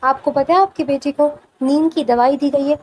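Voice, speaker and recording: A woman's voice: high-pitched, fairly even intonation, darkish tone, slight background noise, lightly acted, low-quality recording. A woman reading the part of a firm female doctor lecturing a careless father in a storybook romance. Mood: stern.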